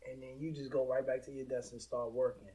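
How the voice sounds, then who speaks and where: A man's voice: medium pitch, level tone, fast talker, over a noisy crowd, rough recording. A man hosting an interview, chiming in with short affirmations and explaining points for the audience. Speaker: host.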